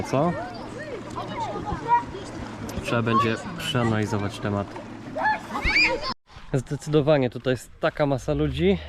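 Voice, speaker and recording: A man's voice: medium pitch, a little hiss or hum. A man vlogging in a casual, chatty way, thinking aloud as he shows what he finds. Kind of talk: casual vlog narration.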